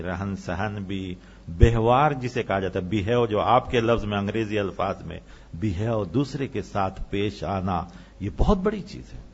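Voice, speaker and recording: A man preaching a sermon with great passion, his pitch leaping up on emphatic phrases and sinking low again. The recording sounds dull and lo-fi, like an old lecture tape. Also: slightly rough. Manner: impassioned, rising to emphatic peaks then dropping low. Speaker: Islamic preacher.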